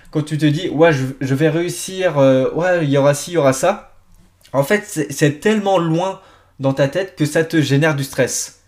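A man's voice: a little high, a little mellow. Chatty young man, rambling podcast talk. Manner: rambling, many fillers and restarts, addresses listener directly. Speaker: podcast host. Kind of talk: casual solo podcast talk.

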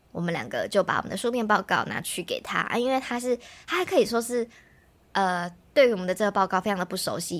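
Fast-talking young woman. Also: on the low side. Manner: fast, animated storytelling, mimics others' voices. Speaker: podcast host. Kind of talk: casual storytelling chat.

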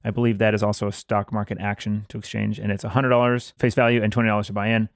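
A man hosting a casual board game discussion, explaining details at an easy pace and pausing with fillers as he recalls them. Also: on the low side, flat delivery, dry recording, clean studio sound.

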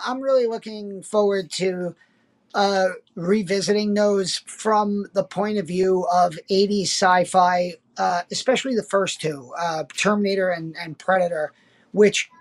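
A man's voice: high voice, steady tone, measured pace. A man co-hosting a casual review podcast, talking in a hesitant, enthusiastic way with many fillers. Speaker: podcast co-host.

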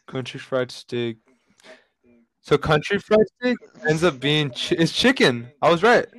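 A man's voice: on the high side, measured pace, low-quality recording. A young man co-hosting a podcast, telling a casual story full of fillers. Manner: storytelling, animated with lots of fillers. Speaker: podcast co-host. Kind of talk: casual chat.

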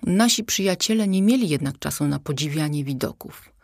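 A woman reading a children's audiobook in a calm, even storytelling voice. Her voice sits fairly low, and the recording is close and dry, with no room sound. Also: brisk, dry recording. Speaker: audiobook reader. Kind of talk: scripted children's story narration.

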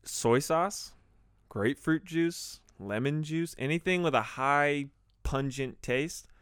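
A man hosting a podcast, telling crude stories in an animated, profane, casual way. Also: a little high, slow pace, smooth, no room sound, clean studio sound. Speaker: podcast host.

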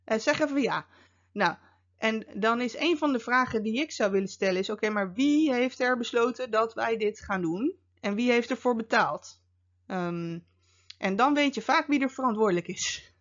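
A woman's voice: on the high side, lively intonation, moderate pace, lo-fi sound. A woman hosting a podcast, explaining security topics in a casual, conversational way with frequent fillers and wry asides. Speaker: podcast host and security officer.

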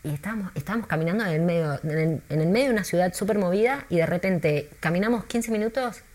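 An Argentine woman who works as a tour guide, chatting in an interview with lively, storytelling delivery and many restarts. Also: on the low side, fast. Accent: Argentine Spanish.

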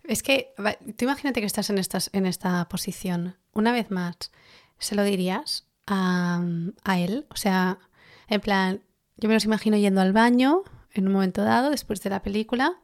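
A woman from co-hosting a casual podcast, spinning a listener's story with lively, joking slang. Her voice sits at an ordinary middle pitch for a woman. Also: moderate pace. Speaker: podcast co-host.

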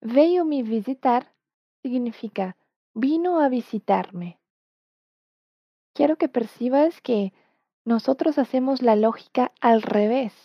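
In this language lesson, a woman whose first language is Portuguese teaches it slowly and patiently, saying words carefully so the learner can repeat them. Her voice is a little high, with no room sound, and the audio is dull, dry and lo-fi.

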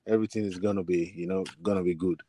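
Fast and warm, this low-pitched voice with fairly even intonation belongs to a Nigerian man, a bassist and singer appearing as an interview guest. He tells personal stories in his answers, often hesitating and repeating words to find his phrasing. No echo is present.

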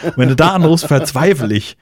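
A man's voice: a little high, animated, fairly quick. A man co-hosting a casual podcast, telling stories and often asking whether his partner follows. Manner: chatty storyteller, keeps asking "weißt du?". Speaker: podcast co-host. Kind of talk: casual chat.

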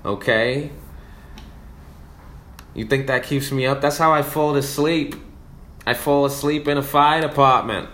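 A man's voice: mid-range voice, unhurried, pauses often, fairly bright tone. A man from New York hosting his own podcast, rambling casually and profanely about songwriting, trailing off with fillers. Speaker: podcast host streaming with a guitar. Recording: roomy echo with guitar playing. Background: acoustic guitar.

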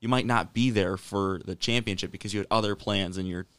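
A man co-hosting a casual sports chat, telling stories with a wry, animated edge. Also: fairly low pitch, brisk, smooth, no echo. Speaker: podcast co-host.

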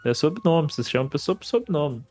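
A man's voice: fairly high pitch, lively intonation, fast talker, a little mellow, faint music behind. A man on a podcast, rambling casually and full of slang such as "velho" and "mano". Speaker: podcast co-host. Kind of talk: casual group chat.

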